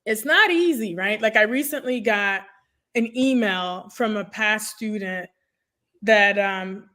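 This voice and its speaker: Joining a podcast interview by video call from indoors at home, this French-native woman in her thirties works as a nurse career coach. Her pitch is medium and her pace slow as she tells stories energetically into a desk mic, hands moving expressively.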